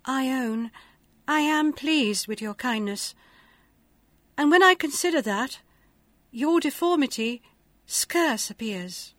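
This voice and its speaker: A woman voicing a brave, gentle young heroine who speaks softly and earnestly. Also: high-pitched, animated, slow, pauses often, no echo, pitched above the performer's own voice, exaggerated voice.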